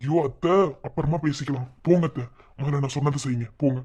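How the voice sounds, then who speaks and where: A man's voice: mid-range voice, steady tone, fast talker, dark tone, a little hiss or hum, close to an everyday voice. A man voicing a young son-in-law in a cartoon, soothing and reassuring but firm when he has to be. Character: young son-in-law, calm and protective, stern when needed. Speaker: son-in-law comforting the family.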